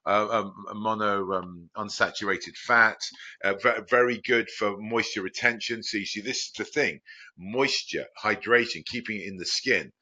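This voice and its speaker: A man from Crete, a biotech founder guest, talking casually and rambling with many restarts and animated jumps in pitch. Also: moderate pace, highs cut off. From Greece, Crete. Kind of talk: casual conversational explaining.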